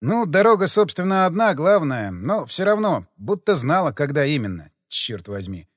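Brief: male reader doing a hungover, lovesick young man, tired wry delivery, lively pitch. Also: normal speed, no room sound, clean studio sound. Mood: weary, wry.

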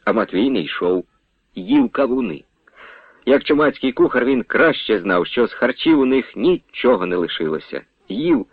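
A man reading a novel aloud for the radio, with an expressive delivery. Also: medium pitch, vocal fry, slightly rough, no room sound. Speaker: narrator. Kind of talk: scripted narration of a novel on radio. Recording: tinny phone-like radio sound.

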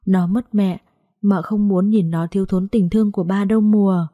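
A woman's voice: medium pitch, fairly even intonation, moderate pace, no room sound, phone-quality sound, natural voice. Woman voicing a weeping ghost mother. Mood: grieving, tearful. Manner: choked, sobbing pleas. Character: tearful young mother's ghost, speaking through a medium.

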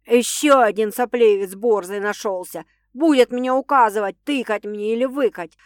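A woman's voice: medium pitch, moderate pace, no room sound, studio quality, natural voice. A woman voicing an angry, rude male film producer who barks insults, in an audiobook. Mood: snarling angry. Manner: snarling, insulting, barking.

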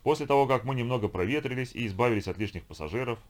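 A man voicing a brisk, impatient woman crew leader in an audiobook. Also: mid-range voice, voice pushed up, lightly acted. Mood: firm. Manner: firm, impatient, bossy. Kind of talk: audiobook character voice.

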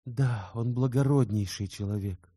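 A man's voice: mid-range voice, unhurried, dark tone, slightly rough, dry recording, clean studio sound, voice pushed up. A man voicing an earnest young woman in love, read tenderly and heartfelt in an audiobook. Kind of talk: audiobook character voice.

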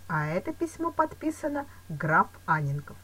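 A wary fencing master speaks slowly and deliberately, read by a woman with a husky edge and lively pitch. He weighs each doubt before voicing it, like a measured storybook character. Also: heavily acted. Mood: reasoning. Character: calm, suspicious male fencing teacher. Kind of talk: audiobook character reading.

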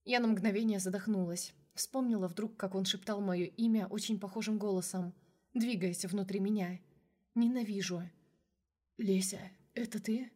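A woman with a mid-range voice reads a first-person novel aloud as an audiobook. Her delivery is expressive and emotional, pulling the listener into the narrator's inner life. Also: medium pitch, moderate pace.

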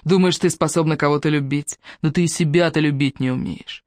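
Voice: mid-range voice, fairly even intonation, a little fast, dry recording, clean studio sound, natural voice. A reader voicing a furious, possessive man who talks coarsely, threatens and swears, in an audiobook. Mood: raging.

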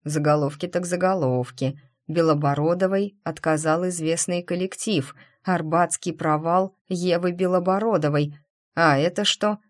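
Wry, lively male bandmate, woman reads him. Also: on the low side, normal speed, natural voice.

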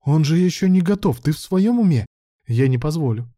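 Hurt, pleading male doctor in an audiobook, read by a male narrator; dark and dry. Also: medium pitch, brisk, no room sound, close to an everyday voice. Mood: worried, indignant.

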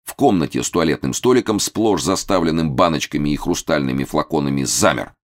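A man narrating a novel with a very low, deep voice that still moves freely up and down. His reading is expressive and lively, shaping each sentence like storytelling. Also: a little fast. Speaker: audiobook narrator. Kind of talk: scripted narration.

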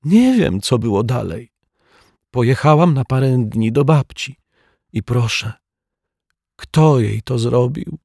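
A man voicing a tearful little girl who sniffles and speaks in a high, plaintive way. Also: expressive, takes it slowly, vocal fry, pauses often, a little mellow, slightly rough, dry recording, clean studio sound, full character voice. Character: weepy little girl mourning her caterpillar.

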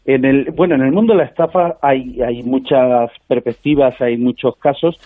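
A man's voice: medium pitch, normal speed, no echo. A man with a Spanish accent from Spain, an author guest explaining agreeably on a radio interview. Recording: dry tinny phone line.

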